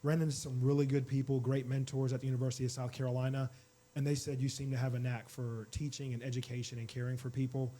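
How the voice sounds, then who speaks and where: A man in his forties, a college department chair, talking in a relaxed interview with fillers. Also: mid-range voice, fast. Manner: warm, relaxed storytelling with fillers. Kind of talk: casual interview talk.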